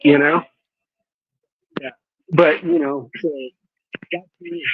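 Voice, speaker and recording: A man's voice: on the high side, little pitch movement, takes it slowly, slight background noise. A man talking as a guest over a muffled online call whose audio keeps cutting out, rambling and restarting his sentences. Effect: choppy call audio with words cutting out. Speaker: podcast guest. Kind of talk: casual chat. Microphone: earpiece on an online call.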